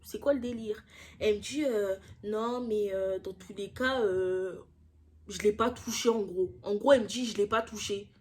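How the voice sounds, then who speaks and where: A young woman telling a personal story in a casual, slangy way, getting heated and throwing in quick asides. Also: medium pitch.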